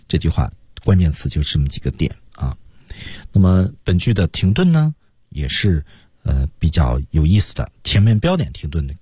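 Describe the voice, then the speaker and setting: Male radio lesson host, husky and low, chatty with fillers, dry studio mic. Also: warm tone, no echo. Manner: chatty, lots of filler particles. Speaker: radio English teaching host. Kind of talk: casual radio lesson chat.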